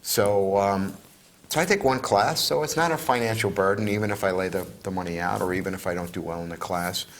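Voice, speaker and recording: A man's voice: low-pitched, brisk, a little hiss or hum. A middle-aged man co-hosting a casual talk show, rambling and repeating himself as he gives advice. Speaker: co-host. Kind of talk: casual chat.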